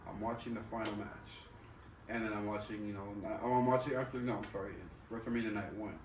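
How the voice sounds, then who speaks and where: A man's voice: fairly low pitch, steady tone, fast talker. A man chatting casually and candidly, swearing freely and repeating himself in slangy, conversational phrases. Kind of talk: casual chat. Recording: roomy, distant mic, faint background noise.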